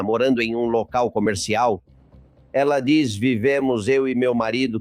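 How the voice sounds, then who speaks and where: A man's voice: mid-range voice, no room sound. A man hosting a political talk show, reading out a listener's message and making an indignant appeal to his audience. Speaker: host.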